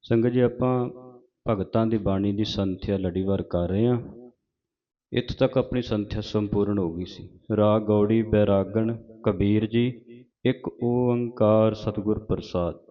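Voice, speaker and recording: A man with a Punjabi accent reciting scripture verse by verse as a teacher, pausing to correct pronunciation. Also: lowish voice, steady tone. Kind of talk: slow measured recitation lesson. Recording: dull lo-fi recording.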